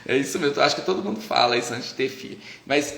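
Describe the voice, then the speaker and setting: A pediatrician with a Brazilian Portuguese accent gives parents casual advice in a doctor's office, chatty, with lots of tag questions and restarts. His mid-range, slightly bright voice has lively intonation and vocal fry, comes out very fast, and is recorded in an echoey room.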